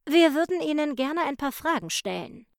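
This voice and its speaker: A woman's voice: high-pitched, big pitch swings, no echo, clean studio sound, voice pushed up. Woman playing an eager rabbit detective. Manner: brisk, commanding, polite.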